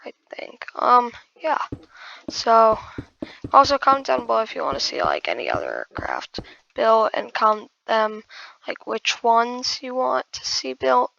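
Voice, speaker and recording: A woman's voice: fairly high pitch, very animated, a little slow, vocal fry, a bit bright. A woman hosting a casual gaming build tutorial, rambling and muttering asides to herself. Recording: dull lo-fi dry recording.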